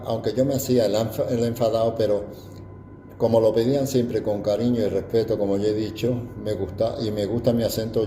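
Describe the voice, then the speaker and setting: A man's voice: on the low side, warm tone, a little hiss or hum. Older Andalusian man, proud, roomy sound. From Andalusia, Spain. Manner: proud, reflective storytelling. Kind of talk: personal testimony.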